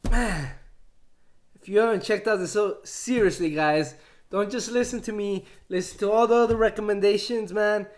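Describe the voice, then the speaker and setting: A man chatting excitedly in a casual review, retelling scenes and laughing often. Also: sits high, normal speed. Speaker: wrestling show reviewer.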